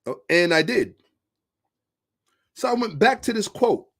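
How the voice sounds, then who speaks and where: A man's voice: sits high, sing-song, a little slow. A man hosting a social commentary monologue, emphatic and repetitive, asking rhetorical questions. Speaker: host.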